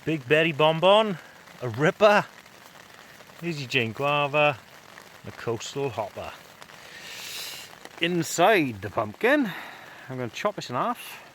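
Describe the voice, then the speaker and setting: A man's voice: fairly high pitch, big pitch swings, slow, long pauses, a bit bright. British man vlogging casually outdoors, noisy recording. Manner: informal, colloquial, off-the-cuff. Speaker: camping vlogger. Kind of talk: casual outdoor vlog chat. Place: outdoors in farmland and woods.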